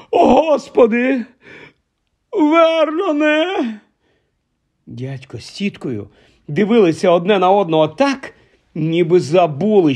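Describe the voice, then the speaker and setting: A man narrating an audiobook with expressive storytelling. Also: a little high, husky.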